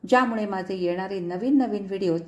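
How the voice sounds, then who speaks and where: A woman's voice: medium pitch, fairly quick, lo-fi sound. A woman storyteller reading a story aloud in a tender, pleading, letter-like manner. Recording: echoey room.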